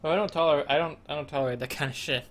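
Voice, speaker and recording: A man on a casual podcast, chiming in with quick, dry wisecracks. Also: fairly high pitch, fairly even intonation, fairly bright tone. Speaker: podcast co-host. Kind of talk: casual chat.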